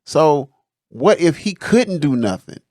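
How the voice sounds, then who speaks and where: A man hosting a casual podcast, telling stories in an animated, slangy way. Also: fairly high pitch, takes it slowly, no echo, clean studio sound. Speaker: podcast host. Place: studio.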